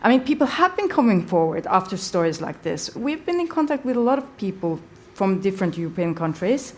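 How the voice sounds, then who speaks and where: A woman's voice: medium pitch, very animated, fairly quick, darkish tone, slight background noise. A woman, a podcast host earnestly answering audience questions at a live event.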